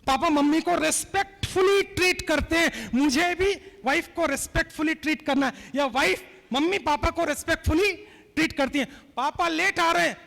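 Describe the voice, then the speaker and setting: A man gives a motivational keynote in a reverberant convention hall, sharing stories and prompting listeners to answer back. His voice is very high-pitched, a bit bright, and marked by vocal fry.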